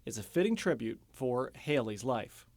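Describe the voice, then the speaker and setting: A male news reporter reading a scripted story in a crisp, measured way. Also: mid-range voice, big pitch swings, darkish tone, no echo, studio quality. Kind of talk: scripted news narration, then casual studio chat.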